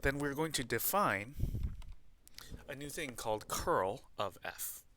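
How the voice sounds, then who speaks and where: A man's voice: mid-range voice, lively intonation, a little slow, pushed and bright, slight background noise. A man teaching math at a board, explaining and dictating notation piece by piece as he writes it out. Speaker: math teacher giving a lecture. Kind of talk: board lesson, explaining while writing out notation.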